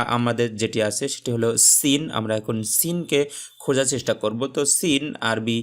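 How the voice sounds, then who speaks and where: Man, tajweed teacher, patient, hesitant fillers, middle pitch. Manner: stretches out Arabic letter sounds in demonstration. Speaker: Quran teacher. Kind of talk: recorded tajweed lesson.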